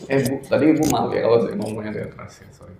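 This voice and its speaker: A man's voice: medium pitch, dark tone, a little hiss or hum. Blunt joking man. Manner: joking, blunt, slows down to stress points. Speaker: religious study speaker. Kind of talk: casual religious talk. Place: indoor study hall. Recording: roomy hall, faint ambience.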